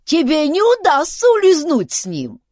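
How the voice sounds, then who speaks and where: A squeaky, creaking old chief who shrieks threats in a high, loud voice, put on by a woman reading the story. The delivery lurches wildly in pitch, and the recording is dry and close. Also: wildly swooping pitch, a little slow, no room sound, heavily acted. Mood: furious. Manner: shouting threats.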